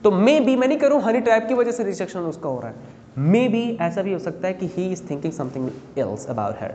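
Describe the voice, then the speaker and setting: A male spoken-English and interview-skills teacher lectures in an echoey classroom with a faint hum, mixing Hindi and English. His high voice is warm and sing-song at a normal speed as he quizzes students and drills pronunciation.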